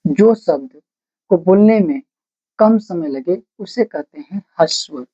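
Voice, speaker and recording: A grammar teacher dictating notes slowly, repeating phrases word by word and asking questions before answering them. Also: medium pitch, animated, mellow. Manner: slow, repetitive dictation, breaking sentences into single words. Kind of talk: blackboard-style grammar lesson, dictating notes. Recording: dull lo-fi recording.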